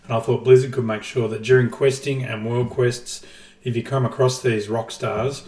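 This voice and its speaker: A man's voice: mid-range voice, fairly even intonation, moderate pace, darkish tone. A man co-hosting a casual gaming podcast, explaining his ideas at length with dry jokes. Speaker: podcast co-host. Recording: roomy, distant from the mic.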